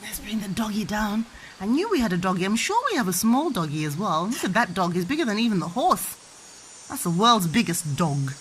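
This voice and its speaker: A woman's voice: mid-range voice, very animated, fairly quick, slight background noise. A young woman giving a playful children's language lesson as a mother, with encouraging, sing-song questions and repetition. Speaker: mother teaching her toddler.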